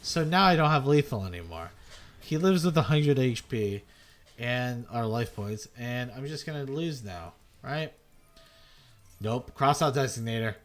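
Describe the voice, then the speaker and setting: A man's voice: mid-range voice, animated, unhurried, soft background music. A man giving loose, self-mocking gameplay commentary as a video host, swearing freely. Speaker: gaming content creator.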